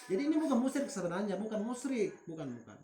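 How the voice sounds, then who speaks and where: A man's voice: sits high, sing-song, racing, warm tone, reverberant. Man alternating coaxing talk with prayer. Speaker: spiritual healer. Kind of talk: ritual session with prayers.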